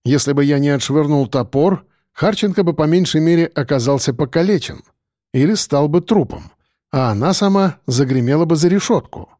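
A man reading a first-person audiobook narration, steady and matter-of-fact. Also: a little high, moderate pace, no room sound, studio quality.

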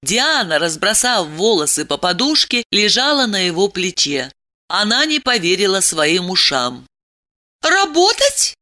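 A woman narrating a novel in an expressive, dramatic storytelling manner. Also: fairly low pitch, moderate pace. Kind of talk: audiobook reading.

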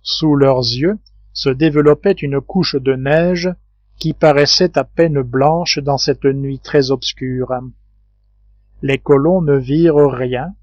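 A man reading a classic adventure novel aloud in a measured, steady narration. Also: fairly high pitch, no echo, highs cut off. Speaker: audiobook reader. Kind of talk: scripted narration.

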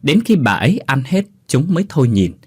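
A man reading a ghost story aloud in an expressive storytelling manner. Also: mid-range voice, fairly quick, breathy edge, no echo, clean studio sound. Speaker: narrator. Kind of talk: scripted ghost story narration.

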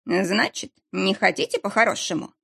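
A woman's voice: mid-range voice, moderate pace, vocal fry, bright, forceful tone, slightly rough, full character voice. A woman voicing a menacing, mocking round-faced man interrogating two captives. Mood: mocking menace. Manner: mocking, threatening.

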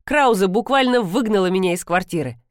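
A woman's voice: expressive, a little fast, no echo, clean studio sound. A woman narrating a first-person story as an audiobook, shifting her voice for the characters. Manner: voices characters with pitch jumps.

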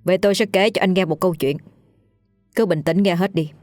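A woman voicing a stern, calm male police officer speaking in a measured way. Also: lowish voice, no room sound, clean studio sound, faint music behind, close to an everyday voice.

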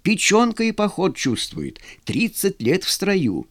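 A man voicing a cautious, middle-aged Cossack captain who speaks in a measured warning tone, recorded dry and close. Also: high-pitched, wildly swooping pitch, no echo, pitched above the performer's own voice, full character voice.

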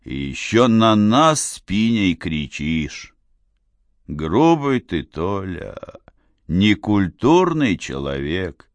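A man's voice: low voice, very animated, slow, dry recording, full character voice. A man doing a whiny, hungover drunk. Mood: groaning. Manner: moaning, complaining. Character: hungover male small-time drunk, whiny. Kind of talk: audiobook character voice.

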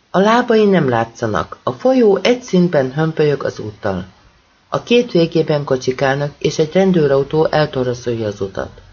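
A man's voice: on the high side, a little mellow, husky, muffled recording. A man reading a first-person audiobook with urgent, intense storytelling. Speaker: audiobook reader.

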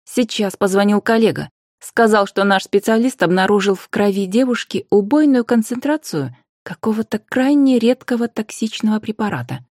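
A bold, sharp-tongued young witch on the case, as a woman reads her, a little higher and louder than the narration around her. She talks in brisk commands and quick comebacks, mellow in tone and dry in sound. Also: animated, dry recording, close to an everyday voice. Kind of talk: audiobook character voice.

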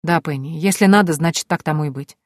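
A woman's voice: sits low, quick pace, no room sound, clean studio sound, lightly acted. A woman voicing a cheerful, loyal young male servant who talks eagerly. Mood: flustered.

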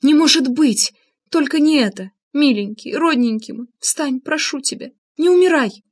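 A woman's voice: sits high, very animated, takes it slowly, husky, voice pushed up, exaggerated voice. A young woman caught in a violent scene cries out, desperate and overwrought. A woman audiobook reader plays her, lifting her voice well above her narration. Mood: grieving, pleading. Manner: desperate, wailing. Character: young woman in anguish, sobbing and pleading.

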